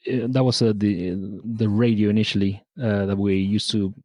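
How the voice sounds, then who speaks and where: A man from Argentina, a musician guest on a podcast, speaking softly with many pauses. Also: on the low side, steady tone, dry recording. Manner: soft-spoken, frequent uh fillers. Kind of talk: casual interview.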